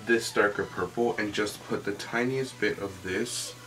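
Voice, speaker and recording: Low-pitched young man chatting through makeup, music behind. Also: measured pace, fairly bright tone, rough recording. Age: young adult. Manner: chatty, informal, often says "like". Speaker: makeup tutorial host. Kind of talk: casual makeup tutorial chat.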